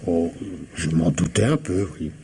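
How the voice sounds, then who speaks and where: The shrewd, courteous police commissioner of a radio mystery, voiced by an actor, works through his questions methodically, husky and politely insinuating. This time his low, warm voice moves at a measured pace, knowing and gentle. There is a little hiss or hum.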